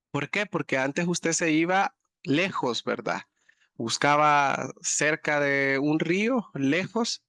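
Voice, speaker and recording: A man's voice: a little high, fairly bright tone, no room sound, studio quality. A man teaching a language class, explaining words patiently and often checking that students follow. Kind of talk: online class teaching vocabulary.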